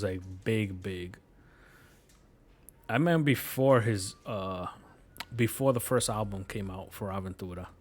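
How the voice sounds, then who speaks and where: A man's voice: mid-range voice, a little hiss or hum. A man with a New York accent chatting casually while streaming a game, rambling through stories with swearing. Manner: rambling, laid-back storytelling with profanity. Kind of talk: casual chat while gaming.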